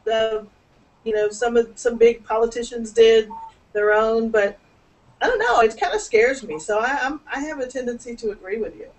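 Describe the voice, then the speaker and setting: A woman's voice: fairly high pitch, animated, normal speed, far from the mic, low-quality recording. A woman hosting a casual video call chat, chatty and laughing often, with many restarts. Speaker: host.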